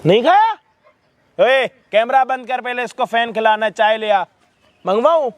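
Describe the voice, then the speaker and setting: In a staged prank video, a high-voiced man plays host and treats the scene as a confrontation, scolding loudly, swearing freely and repeating words again and again. His intonation stays fairly even and he talks at a normal speed.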